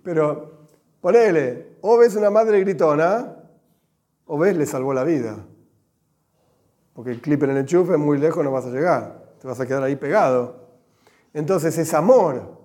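A man with an Argentine Spanish accent gives a religious class, animated and joking, with Hebrew terms mixed in. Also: a little high, unhurried, pauses often. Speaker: religious teacher. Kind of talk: lively class with everyday examples.

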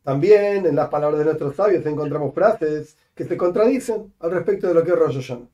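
A man teaching a Torah text in a lively study session, acting out the quotes with big jumps in pitch. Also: fairly quick, dull audio.

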